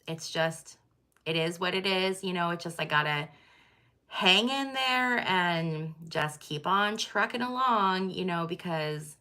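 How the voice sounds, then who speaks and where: A woman's voice: lowish voice, bright, forceful tone. A middle-aged woman chatting candidly and casually to her viewers, with many fillers and restarts. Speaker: tarot channel host.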